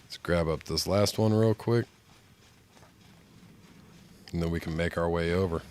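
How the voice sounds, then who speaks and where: Low-voiced, stuffed-up man with a pinched-nose sound. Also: measured pace, darkish tone, slight background noise. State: sick with flu, stuffed-up sinuses. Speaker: game streamer. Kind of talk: casual livestream chat while gaming.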